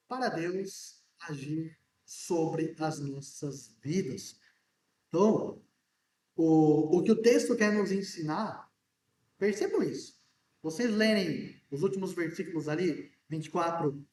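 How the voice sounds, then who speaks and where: High-voiced pastor in an echoey church. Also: male voice, darkish tone. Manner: conversational, joking, asks the congregation questions. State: hard of hearing, talks loudly. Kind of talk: sermon. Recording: echoey church room from a distance.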